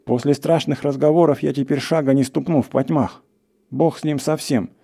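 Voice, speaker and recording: A man's voice: a little high, fairly even intonation, normal speed, gravelly, warm tone, slightly rough, pitched above the performer's own voice. A timid old forester whines in a raised, tearful voice, pious and stubborn. He sounds frightened and pleading throughout, as a man reading the tale puts him on. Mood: whining. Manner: plaintive, whining, moaning. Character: scared pious old male forester, whiny.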